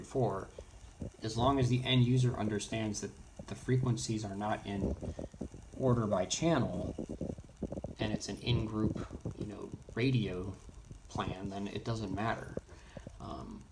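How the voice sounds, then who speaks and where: A radio tutorial presenter with a lowish, creaky, gravelly voice talks through a hands-on lesson informally, rambling a bit and saying "you know" a lot between conversational asides. The recording is noisy, full of keyboard typing and clicks.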